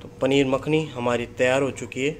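A man's voice: mid-range voice, flat delivery, a little fast, slight background noise. A man, a chef, explaining a recipe step by step in a kitchen cooking demonstration.

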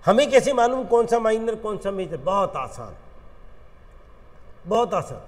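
Lively high-voiced Indian chemistry teacher. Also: male voice, measured pace, big-room sound. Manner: animated, coaxing, addresses students as friends. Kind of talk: classroom lecture.

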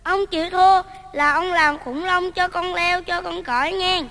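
A cheeky, quick-witted little boy in a stage comedy sketch. The voice is very high and bright. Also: steady tone, long reverb tail, full character voice. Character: clever cheeky little grandson, young boy.

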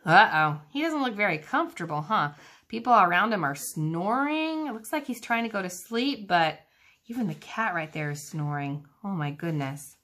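A woman teacher reads a picture book aloud to young children, her bright voice rising and falling with lively expression. She pauses to ask her listeners about the pictures and draws them into the story. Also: medium pitch. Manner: engaging, asks the listening children questions.

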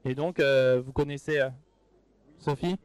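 A man's voice: medium pitch, fairly even intonation, measured pace, clean tone, no echo. A man commentating a live chess event, bantering and joking with members of the audience over a handheld microphone.

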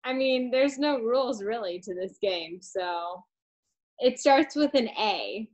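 Brief: easygoing woman quizmaster, slow delivery, dull lo-fi audio. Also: a little high, lively intonation. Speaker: quiz asker on a staff podcast. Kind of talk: casual quiz chat.

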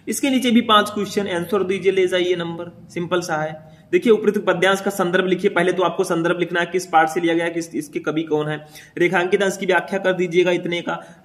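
A young man with a slightly high-pitched voice leads students through an exam paper. He talks briskly and reassuringly, and he checks in often with a quick "okay" to keep the class moving. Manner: brisk, addresses students as brother, frequent "theek" check-ins. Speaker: teacher. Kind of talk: exam paper walkthrough lesson.

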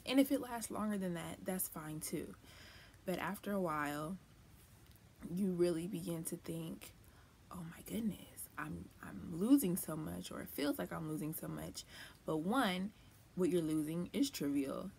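A woman's voice: on the low side, vocal fry, a little mellow, slight background noise. A woman and new mother vlogging about motherhood in a candid, chatty way, with folksy phrases and emphatic lifts. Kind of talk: personal casual vlog talk.

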